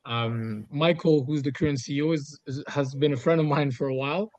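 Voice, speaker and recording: A man's voice: fairly high pitch, fairly even intonation, a little fast, a little mellow, no echo. A Canadian man in his thirties, a guest in an interview, answering casually and animatedly, often restarting phrases. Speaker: guest, sales executive. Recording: dull, lo-fi sound.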